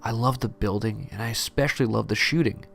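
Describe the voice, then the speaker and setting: A man narrating a parody horror story in a deadpan first-person telling. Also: fairly low pitch, fairly quick, creaky, soft background music.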